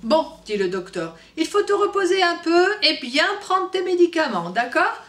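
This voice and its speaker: A woman voicing a kind male family doctor in a children's story with a slow, mock deep voice, recorded with roomy echo from a distant mic. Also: big pitch swings, a bit bright, heavily acted. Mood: kindly.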